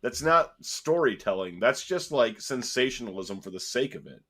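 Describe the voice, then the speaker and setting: A man's voice: medium pitch, lively intonation, moderate pace, fairly bright tone. A man hosting a podcast, talking casually with wry, opinionated commentary and laughing while he makes his points. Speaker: podcast host. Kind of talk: casual chat.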